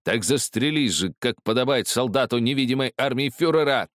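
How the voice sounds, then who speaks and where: A man's voice: sits low, brisk, no echo, studio quality. A man voicing a tense, impatient male agent who speaks in terse, strained bursts.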